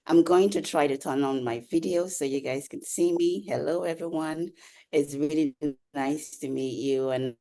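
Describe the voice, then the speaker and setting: A woman's voice: low-pitched, normal speed, mellow. A woman introducing herself as a panel guest over a video call, earnest, with frequent um and uh fillers. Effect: heard over a video call. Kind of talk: webinar self-introduction. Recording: remote call audio.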